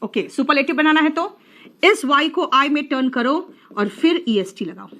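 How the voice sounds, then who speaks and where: Woman teacher explaining grammar, high voice that jumps around a lot, coaxing and drawn out. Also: animated, normal speed, fairly bright tone. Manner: coaxing, calls students "beta", drags out example words. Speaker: English teacher. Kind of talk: classroom grammar lesson.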